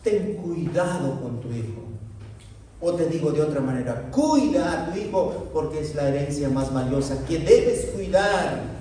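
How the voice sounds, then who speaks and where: A man preaching with a high, mellow voice, moving slowly and with fervent emotion that climbs sharply at the peaks of his sermon. He is heard from a distance in a very echoey hall, with a faint hiss underneath. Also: animated. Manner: emotional preaching, voice rising sharply in the cries of the quoted lament. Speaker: pastor. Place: large echoey church hall.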